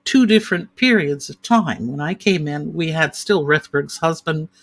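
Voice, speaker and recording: A woman in her sixties, an opera singer as interview guest, telling gushing, animated stories in casual chat. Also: deep voice, moderate pace. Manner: animated, gushing anecdotes with vivid imagery.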